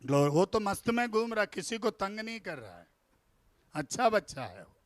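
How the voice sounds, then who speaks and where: High voiced pastor man from india, preaching slow, dry close sound, gets the church to say stuff back. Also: very animated, dry recording. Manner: fervent, drills the congregation to repeat phrases back; sprinkles "Praise the Lord" between points. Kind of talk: sermon. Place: church before a congregation.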